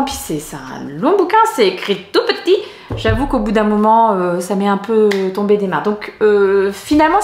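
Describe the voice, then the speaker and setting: Chatty French woman vlogging, roomy sound. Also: on the high side. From France. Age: middle-aged. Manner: rambling, many hesitations, frequent soft laughs. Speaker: knitting vlogger. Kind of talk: casual chatty vlog.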